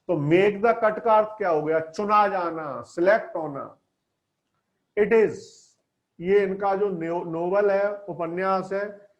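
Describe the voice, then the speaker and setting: A man teaching English vocabulary from a newspaper, explaining each word and quizzing his students with questions. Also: sits high. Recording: dull lo-fi sound.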